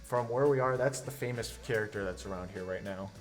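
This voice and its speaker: Animated young man co-hosting a podcast. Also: on the low side, brisk, soft background music. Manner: rambling, animated storytelling with restarts. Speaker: podcast co-host. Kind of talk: casual chat.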